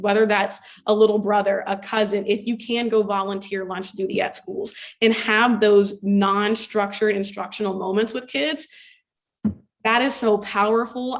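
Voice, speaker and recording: Woman, young adult, from Ohio, former teacher, reflective, emphatic, level delivery. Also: mid-range voice. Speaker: guest, former elementary teacher. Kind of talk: conversational interview.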